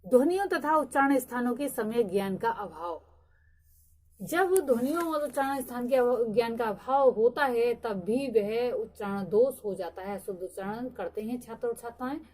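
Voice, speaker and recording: Woman, higher voice, young adult, lecture, many "uh" fillers. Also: mellow. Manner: explanatory, with frequent "uh" fillers and slow stresses. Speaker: teacher. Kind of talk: recorded lecture.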